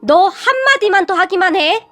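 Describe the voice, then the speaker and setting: Female reader doing a spoiled, whiny sister-in-law, high and shrill. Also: animated, normal speed, bright, forceful tone, soft background music, heavily acted. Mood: screaming. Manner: shrieking, whiny, tearful.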